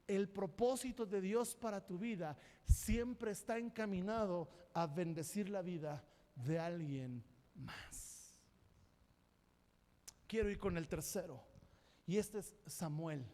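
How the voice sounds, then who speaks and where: A man preaching a sermon as pastor, impassioned and emphatic, sometimes rising to a shout. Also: high-pitched, slow. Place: church sanctuary. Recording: long church hall reverb.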